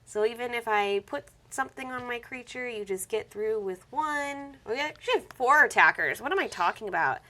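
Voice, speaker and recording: Female player, bright voice, muttering, talks herself through moves. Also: fairly high pitch, a little fast, few pauses. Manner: muttering, self-questioning. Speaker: card game player. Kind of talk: thinking aloud during a card game.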